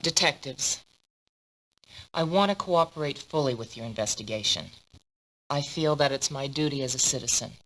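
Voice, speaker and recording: A poised, low-voiced agency boss. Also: female voice, normal speed, pauses often, fairly bright tone, a little hiss or hum, rough recording. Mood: composed. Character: poised, businesslike female modeling agency boss. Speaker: modeling agency head in a mystery game. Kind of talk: dubbed video game dialogue.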